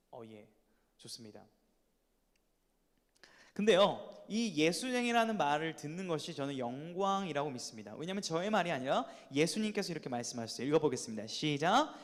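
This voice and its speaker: A man preaching a sermon to high school students, leading them in call-and-response and having them repeat lines after him. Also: sing-song, a little fast, long pauses. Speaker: youth pastor. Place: church sanctuary. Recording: echoey church hall with long reverb.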